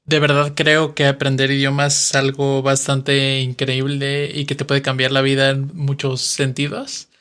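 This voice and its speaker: This Spanish teacher and podcast host, a man in his twenties from western Mexico, speaks with a Mexican Spanish accent in a slow, explanatory monologue full of patient examples. His medium-pitched voice is monotone, unhurried and slightly bright, with few pauses and a clean tone.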